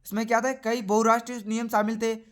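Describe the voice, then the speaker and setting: A man's voice: very high-pitched, level tone, quick pace. A young man teaching a class lesson, repeating each point and asking and answering his own questions.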